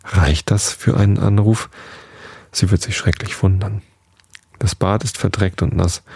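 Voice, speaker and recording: Deep gravelly man reading a story. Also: a little mellow, no room sound. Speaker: audiobook reader. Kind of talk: reading a novel aloud in first person.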